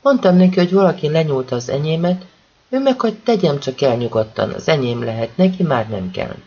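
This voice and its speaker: A man reading a novel aloud as an expressive first-person narration. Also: a little high, breathy edge, lo-fi sound. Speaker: audiobook reader.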